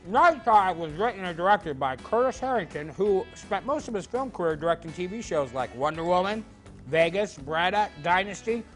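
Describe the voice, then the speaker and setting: A man's voice: high voice, expressive, moderate pace, soft background music. A man co-hosting a horror movie show, wisecracking in a goofy way. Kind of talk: casual banter.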